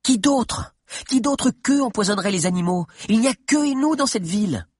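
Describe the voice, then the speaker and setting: A man with a husky voice voicing a fierce, scheming girl advisor who urges war, speaking in a raised, insistent storybook voice. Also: a little high, very animated, a little slow, dry recording, clean studio sound, voice pushed up, heavily acted. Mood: defiant.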